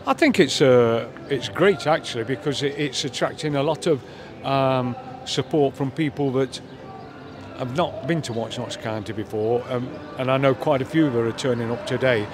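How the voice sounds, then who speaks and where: Outside a stadium car park, an older man, a football fan and grandfather, chats thoughtfully in a street interview with many fillers, speaking into a mic the interviewer holds. His mid-range voice goes at a normal speed against background noise.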